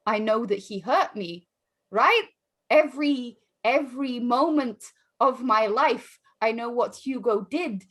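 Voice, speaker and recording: A woman playing a defiant scarred scholar woman. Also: fairly high pitch.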